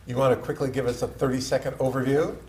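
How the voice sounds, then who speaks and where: A man co-hosting a casual talk show, reacting to his partner and keeping an eye on time, with hesitant pauses. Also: mid-range voice, little pitch movement, a little mellow. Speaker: co-host and producer. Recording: echoey room with faint ambient noise.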